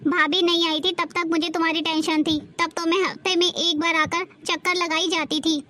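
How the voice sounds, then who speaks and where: A woman's voice: very high-pitched, little pitch movement, normal speed, sharp tone. A young woman playing a married daughter who chatters about her household burdens in a family drama skit. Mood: complaining. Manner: complaining, talkative.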